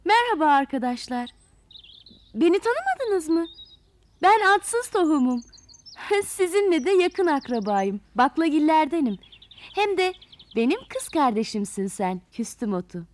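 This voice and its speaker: A fussy little seed from a children's storybook, high and bright-voiced, as a woman puts it on. It whines and complains in a lively, bouncing voice. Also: moderate pace, slight background noise. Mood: cheerful. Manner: whiny, complaining. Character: nameless young seed, sulky then cheerful flower. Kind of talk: storybook reading.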